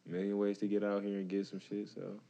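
A man's voice: fairly low pitch, completely flat delivery, fast, vocal fry, warm tone, muffled recording. A man with a Detroit accent chatting casually as a podcast co-host, rambling with lots of fillers. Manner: laid-back, rambling with many fillers. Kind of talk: casual chat.

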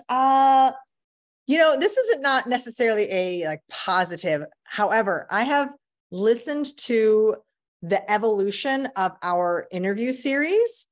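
A woman co-hosting a podcast in casual chat, a mother talking candidly and wryly in long rambling stretches. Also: medium pitch. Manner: candid, rambling, wry humor. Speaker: podcast co-host; parent.

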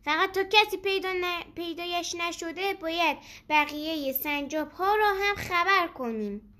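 A woman's voice: very high voice, expressive, fairly bright tone, voice pushed up. A woman voicing a cheerful, friendly little rabbit in a children's story. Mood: eager.

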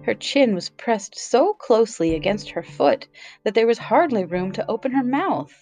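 A woman narrating a children's story aloud in an expressive, storytelling way. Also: fairly high pitch, moderate pace, faint music behind, low-quality recording.

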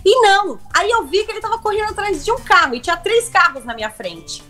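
A woman's voice: very high voice, sing-song, quick pace, pushed and bright, faint music behind. A young woman, a guest telling an emotional story in a chat, acting out quotes and restarting often. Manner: breathless, emotional, acts out quotes, many restarts. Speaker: guest, reality show contestant.

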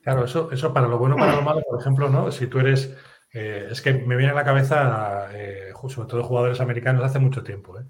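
A male interviewer talks at an ordinary pitch in a loose, rambling way. He keeps checking in with short tag questions as he works through his thoughts. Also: fast talker, a little hiss or hum. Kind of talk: casual interview chat.

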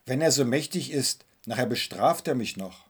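Guy doing a sulky little boy in a sermon story, husky, pleading and whiny. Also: mid-range voice, expressive, moderate pace. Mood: anxious questions. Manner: complaining, pleading. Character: small hot-tempered boy, sulky and whiny.

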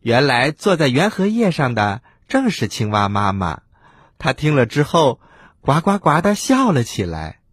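A man with a husky voice narrating a children's story in an expressive, lilting way. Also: mid-range voice, measured pace, dry recording, clean studio sound.

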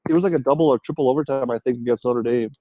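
A man co-hosting a casual sports chat, opinionated and chatty, quick to tease. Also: medium pitch, muffled recording. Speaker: sports podcast co-host.

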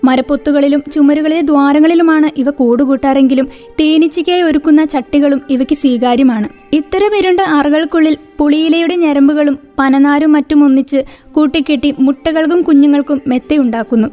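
Woman narrator, high voice, steady scripted read over soft music. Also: a little fast. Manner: even, informative reading pace. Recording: faint background music.

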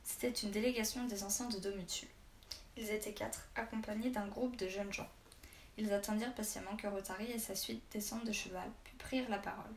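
A woman reading a novel aloud as an audiobook narrator, in a steady, even storytelling voice. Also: medium pitch, fairly quick. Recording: roomy echo, faint background hiss.

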